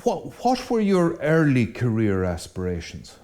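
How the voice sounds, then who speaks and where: A man, a priest hosting an interview, speaking in measured, formal phrases. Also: medium pitch, wildly swooping pitch, a little mellow. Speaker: host, priest. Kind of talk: interview host.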